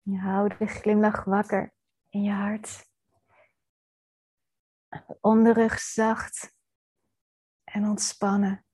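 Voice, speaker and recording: A woman teacher guides a body-scan meditation, speaking gently and soothingly with pauses. Her voice is slightly husky and breathy, sitting at a medium pitch with little pitch movement.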